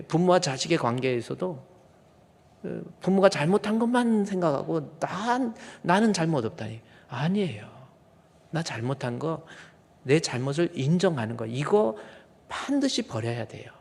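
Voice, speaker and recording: Middle-aged pastor guy preaching in a church, gravelly voice, big hall echo. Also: mid-range voice. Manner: emphatic preaching, acts out quoted lines with sudden loud outbursts. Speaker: senior pastor. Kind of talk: sermon. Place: church sanctuary. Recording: long church hall reverb.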